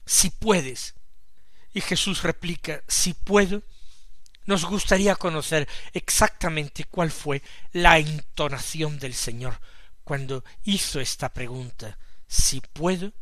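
Slow, bright-voiced preacher. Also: male voice, fairly high pitch, dry recording. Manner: slow, measured, with sudden emphatic swells in loudness. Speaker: preacher commenting the daily Gospel. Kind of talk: radio Gospel reflection.

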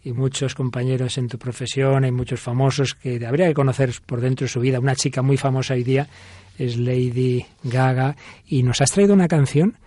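A man hosting a religious radio interview in a studio, asking calm, measured questions. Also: mid-range voice, no echo.

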